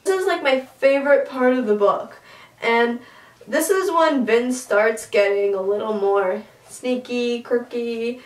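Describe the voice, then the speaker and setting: A young woman giving a casual, chatty book talk, excitable with quick asides. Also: a little high. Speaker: book reviewer. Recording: roomy, from a distance.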